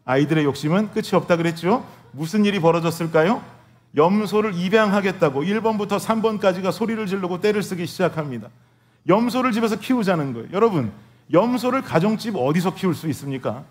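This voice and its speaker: A man's voice: sits high, expressive, fast talker. A male pastor preaching a sermon, telling a humorous family story and speaking directly to his congregation. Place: church sanctuary.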